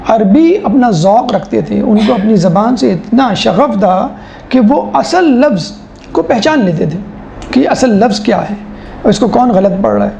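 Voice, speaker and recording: A woman's voice: on the high side, expressive, creaky, mellow, echoey room, a little hiss or hum. A woman lecturing as a teacher, explaining step by step with rhetorical questions and mimicking how people talk. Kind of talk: classroom lecture.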